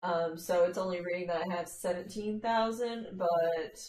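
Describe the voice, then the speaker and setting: A woman's voice: on the low side, moderate pace, a little mellow. A young woman streaming from home, casually explaining her game loot with a few fillers. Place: home room, indoors. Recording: echoey room.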